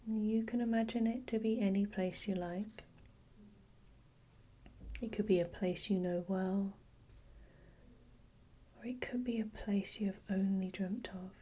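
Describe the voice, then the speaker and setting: A woman whispering a slow, soothing guided relaxation with gentle repetition. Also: medium pitch, fairly even intonation, breathy edge. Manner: soft unvoiced whisper. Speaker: hypnosis guide.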